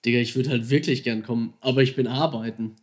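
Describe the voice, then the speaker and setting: A man casually and excitedly retelling how he caught a huge fish, slangy and animated, acting out his own thoughts and phone calls. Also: mid-range voice, fast talker. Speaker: angler telling a fishing story. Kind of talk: casual storytelling.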